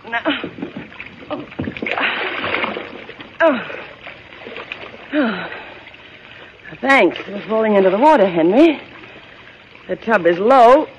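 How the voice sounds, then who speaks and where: An actress in an old radio show broadcast, playing a scheming, murderous young wife with a breathy, coaxing voice. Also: female voice, fairly high pitch. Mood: cold. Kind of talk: 1940s radio acting. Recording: muffled old radio recording with hiss.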